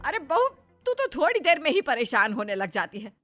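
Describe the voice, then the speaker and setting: A stubborn, scolding mother-in-law from a spoken storybook, as a woman puts her on, loud and bossy. The voice is high, bright and sharp-edged, with pitch that swoops up and down. Faint music sits under it. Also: sing-song, a little fast.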